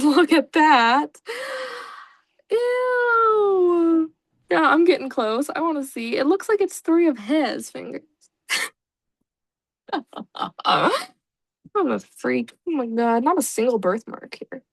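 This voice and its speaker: A woman's voice: a little high, expressive, moderate pace, pauses often, no room sound. A young woman giving casual let's-play commentary, chatty and reacting aloud with laughs and groans. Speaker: gaming YouTuber.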